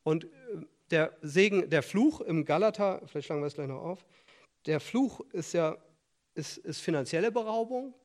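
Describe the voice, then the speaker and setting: A man's voice: a little high, lively intonation, normal speed, darkish tone. A middle-aged man preaching a sermon, earnest and insistent, with joking asides and restarts. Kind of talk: sermon on tithing and offerings.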